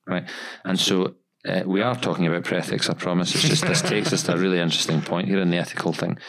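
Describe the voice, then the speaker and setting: A man's voice: low-pitched, steady tone, fast talker, creaky, a bit bright. A man hosting a podcast, talking about running a practice in long, emphatic runs with many repeated words. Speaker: podcast host, dental practice owner. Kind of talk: casual podcast discussion.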